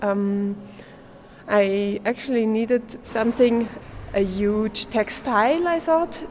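A young Swiss woman, German her first language, answers in English at a slow pace. She hesitates often and hunts for words. A faint hiss sits under her voice. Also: medium pitch, darkish tone. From Switzerland. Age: young adult. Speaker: guest artist. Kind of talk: interview answers.

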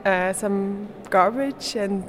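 A young Swiss woman, German her first language, answers in English at a slow pace. She hesitates often and hunts for words. A faint hiss sits under her voice. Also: mid-range voice. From Switzerland. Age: young adult. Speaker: guest artist. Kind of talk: interview answers.

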